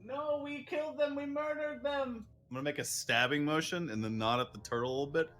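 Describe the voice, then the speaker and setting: A man's voice: sits high, brisk, a bit bright. A man playing a tabletop game, talking in a brash, blunt way. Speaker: player. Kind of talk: casual tabletop play.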